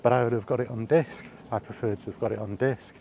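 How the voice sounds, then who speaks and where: A vlogger walks outdoors under trees, chatting casually and rambling in a wry, grumbling way. His mid-range voice is creaky and mellow, fast, with fairly even intonation. Faint outdoor ambient noise sits in the background.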